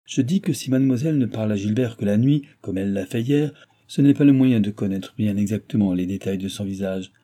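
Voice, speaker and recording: A man's voice: lowish voice, a little fast, dark tone, close to an everyday voice. A man voicing a jealous, pert young chambermaid who answers back insolently in an audiobook reading. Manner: insolent, needling. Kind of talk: audiobook character voice.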